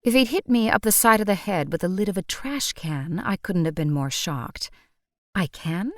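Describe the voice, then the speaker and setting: A woman reading a first-person audiobook in a wry, brisk manner. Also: medium pitch, expressive, no echo, studio quality. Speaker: audiobook narrator.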